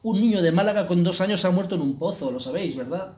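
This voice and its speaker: A man with an accent from Spain leads a retreat talk, his slightly high voice rattling along at a quick clip. He keeps things colloquial and throws in plenty of rhetorical questions and tag words. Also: animated, darkish tone. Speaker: retreat leader.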